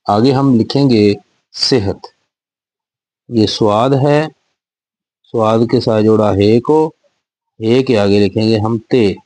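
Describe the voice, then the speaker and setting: Male teacher, low mellow voice, unhurried, dry close sound, repeats words for kids. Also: no room sound. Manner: patient, repeats each word. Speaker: Urdu teacher. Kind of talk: slow spelling lesson for children.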